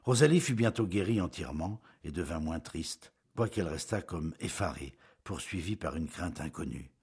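A man narrating a classic novel as an audiobook in a measured, expressive storytelling manner. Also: sits low, breathy edge.

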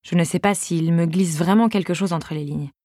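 A woman's voice: fairly low pitch, normal speed, mellow, no echo. A woman narrating a novel in the first person, wry and conversational, on a close microphone. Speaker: audiobook narrator.

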